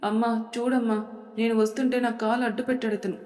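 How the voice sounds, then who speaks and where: A woman's voice: on the high side, little pitch movement, brisk, darkish tone, close to an everyday voice. Spiteful, nosy young woman, whiny edge , as a female narrator does her; long reverb.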